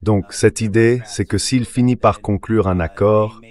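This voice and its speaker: In a very deep, darkish male voice, this synthetic voice-over renders an analyst's political commentary in translation. It speaks in a measured, explanatory way.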